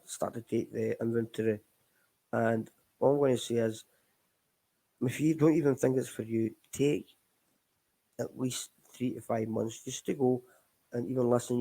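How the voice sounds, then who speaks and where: Middle-aged Scottish man, recovery show host, gravelly and low-toned, loose candid ramble. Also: steady tone, normal speed, mellow, poor audio. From Scotland. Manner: candid, rambling, addresses listeners as folks. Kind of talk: casual live chat.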